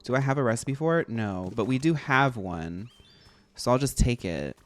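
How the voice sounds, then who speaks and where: A game streamer chatting casually, with an animated, expressive delivery and sassy, girly-pop slang. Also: medium pitch, normal speed, soft background music. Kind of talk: casual chat while livestreaming a game.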